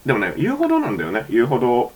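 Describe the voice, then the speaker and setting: A man's voice: mid-range voice, fast talker, a crowd in the background. A man telling a story animatedly in a casual chat among friends. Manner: animated storytelling, Kansai dialect. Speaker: podcast co-host.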